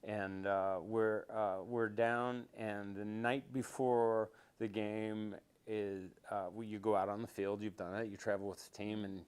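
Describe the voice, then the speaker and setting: An older man telling stories as an interview guest, rambling with fillers and restarts and growing animated as he goes. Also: fairly low pitch, unhurried, few pauses, clear, resonant tone. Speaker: interview guest, former quarterback. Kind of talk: relaxed storytelling interview.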